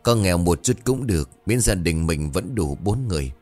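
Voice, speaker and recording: A man's voice: low voice, lively intonation, normal speed, darkish tone, faint music behind. A man voicing a desperate village chief father. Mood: resolute.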